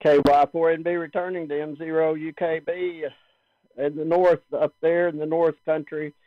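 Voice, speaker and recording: A man works as net control on an amateur radio net. He talks in a relaxed, rambling way with many fillers. His voice comes through dull and dry over the radio link. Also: a little high, normal speed, no echo. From southern United States. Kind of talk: casual amateur radio chat.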